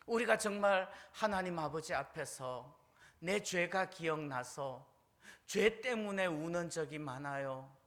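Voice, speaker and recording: A male pastor with a high, slightly bright voice preaches a sermon in a church sanctuary. He puts questions to the congregation and acts out prayers with mounting force.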